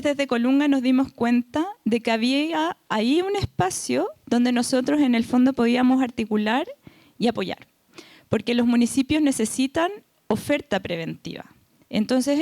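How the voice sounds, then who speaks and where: A woman's voice: on the high side, creaky, a little mellow, dry recording. A woman speaking on a panel for a foundation, earnest and explanatory, often checking in with the audience. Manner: earnest, tag questions like "¿ya?". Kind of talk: panel talk.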